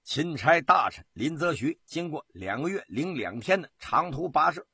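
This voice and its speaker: Dramatic male storyteller, bright and husky. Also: on the high side, very animated, moderate pace, no room sound, clean studio sound. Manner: dramatic, rhythmic storyteller delivery with rising climaxes. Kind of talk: traditional Chinese storytelling.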